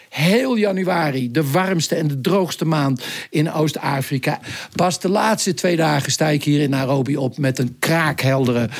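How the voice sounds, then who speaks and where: A man's voice: mid-range voice, slightly rough. Guy reporting by line to a radio show, chatty and vivid, lots of uh's, average voice. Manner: vivid, conversational storytelling with hesitations. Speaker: foreign correspondent. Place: Nairobi, Kenya.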